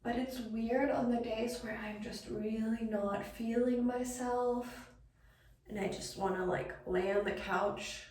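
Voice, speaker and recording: A woman's voice: fairly high pitch, fairly even intonation, a little slow, a little mellow. Chatty woman vlogging on her phone. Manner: chatty, rambling and self-deprecating. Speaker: vlogger and photographer. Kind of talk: casual vlog chat. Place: at home, indoors. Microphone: phone held by the speaker. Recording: roomy, distant phone audio with faint noise.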